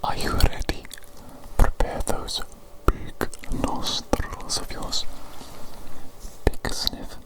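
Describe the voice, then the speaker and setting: An ASMR performer plays a playfully evil doctor gently examining a big creature patient, whispering soothingly and repeating her words in a breathy, unvoiced whisper. She speaks slowly in a natural voice, but the audio quality is poor.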